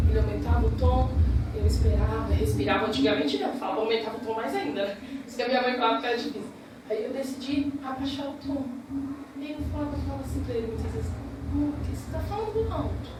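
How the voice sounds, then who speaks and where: A woman preaching to a congregation, earnestly urging her listeners. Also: sits high. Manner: earnest, exhorting. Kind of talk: sermon to a congregation. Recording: echoey hall, distant mic, noisy.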